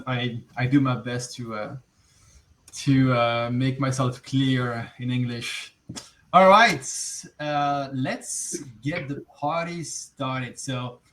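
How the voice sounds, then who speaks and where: A man's voice: medium pitch, a bit bright. Belgian-accented man hosting a webinar. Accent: Belgian French. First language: French. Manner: friendly, laughs often, many fillers and restarts. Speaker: webinar host. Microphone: video call.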